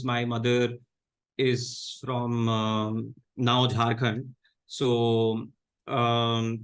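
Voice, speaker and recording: Indian man, 30s, low-key guest, measured talker, middle-pitched. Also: a bit bright. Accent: Indian English. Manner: measured, low-key, many fillers and restarts. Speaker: guest comedian. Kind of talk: casual interview chat.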